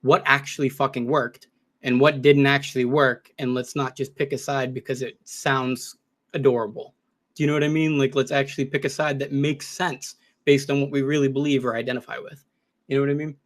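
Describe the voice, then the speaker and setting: An earnest man talking through his thoughts on a casual podcast, restarting sentences as he searches for words. His voice sits at an ordinary middle pitch. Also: level tone, brisk. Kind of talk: casual discussion.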